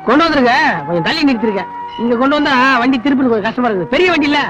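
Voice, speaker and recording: A bumbling, high-voiced, fast-talking villager. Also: male voice, animated. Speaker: comic lead in a film. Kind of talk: film comedy dialogue. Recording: dull old film soundtrack, faint music.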